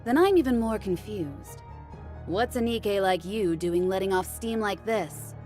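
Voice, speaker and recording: A woman's voice: mid-range voice, lively intonation, measured pace, darkish tone, faint music behind, lightly acted. A woman voicing a cocky, street-tough female soldier in an anime game, taunting and probing in a casual way. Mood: sly, goading.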